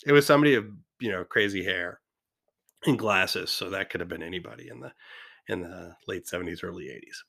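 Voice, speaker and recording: A man's voice: deep voice, brisk, gravelly, a bit bright. A man in his fifties hosting a casual podcast, talking in an enthusiastic, rambling way with lots of fillers. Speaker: podcast host. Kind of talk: casual monologue.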